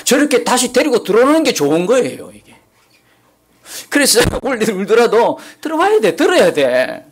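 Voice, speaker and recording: A male pastor preaching a Sunday sermon, moving from emphatic peaks to soft, quiet asides. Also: extremely high pitch, huge pitch swings, fairly quick. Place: church sanctuary.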